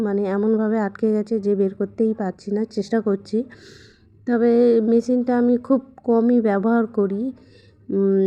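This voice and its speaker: A young woman whose voice is hoarse from a cold talks slowly and softly, chatting casually as she tinkers with a sewing machine. Her tone stays flat, with little rise and fall. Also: on the high side, muffled recording. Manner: soft, slow and plaintive. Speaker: home vlogger. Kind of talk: casual chat while repairing a sewing machine.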